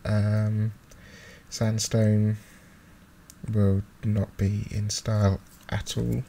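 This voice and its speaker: A man's voice: fairly low pitch, flat delivery, extremely slow, gravelly, warm tone, poor audio. A man giving casual, hesitant let's play commentary, thinking aloud, with mouse clicking behind him. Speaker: gaming video host. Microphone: close desktop microphone with gain high. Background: mouse clicks and keyboard noise.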